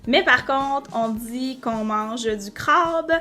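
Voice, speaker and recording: A woman's voice: fairly high pitch, slow pace, pushed and bright. A woman from Sept-Îles with a Côte-Nord Quebec French accent, explaining things carefully.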